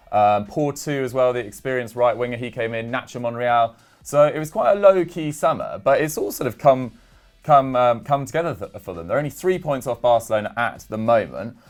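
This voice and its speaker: A young man hosting a casual football chat show, reeling off stats in a chatty, self-deprecating way. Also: medium pitch. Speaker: football podcast host.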